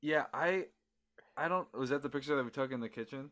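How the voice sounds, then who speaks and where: A young man hosting a casual podcast chat with friends, slow-talking with loud joking bursts. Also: mid-range voice. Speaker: podcast host.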